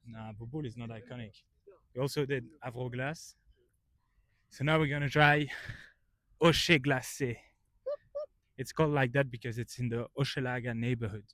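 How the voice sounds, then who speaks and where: A man's voice: medium pitch, fairly even intonation, moderate pace, pauses often, a bit bright, no room sound. A man chatting casually as a vlogger, informal and mock-earnest as he gives his opinions. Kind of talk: casual vlog chat. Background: faint guitar music.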